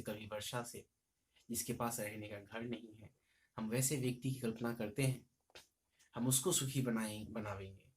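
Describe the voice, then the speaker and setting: A man teaching a lesson, explaining a poem line by line and reciting its verses loudly with rising emphasis. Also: fairly low pitch.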